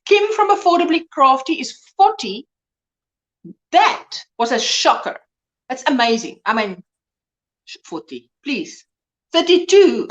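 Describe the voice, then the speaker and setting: A woman in her early fifties hosts a live crochet chat, chatting casually with viewers and answering their comments as they arrive. Her voice sits a little high and swoops in very lively pitch. She laughs easily between remarks. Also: measured pace, pauses often, muffled recording. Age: 50s.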